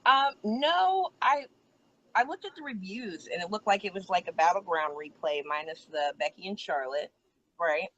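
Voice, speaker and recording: A woman co-hosting a casual wrestling chat, talking in a chatty, animated way and laughing easily, recorded out back outdoors. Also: medium pitch, normal speed. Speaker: co-host. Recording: dull lo-fi sound.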